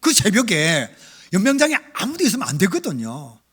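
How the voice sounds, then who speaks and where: Husky-voiced pastor telling a lively testimony. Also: male voice, high-pitched, a little fast. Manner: storytelling, animated swings between loud and hushed. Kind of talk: revival sermon with personal testimony. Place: church sanctuary.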